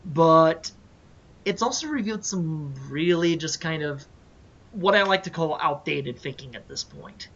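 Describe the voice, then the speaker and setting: A man's voice: fairly high pitch, expressive, measured pace, a bit bright. A man in a casual podcast chat, giving blunt, emphatic opinions. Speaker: podcast co-host. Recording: dull lo-fi audio.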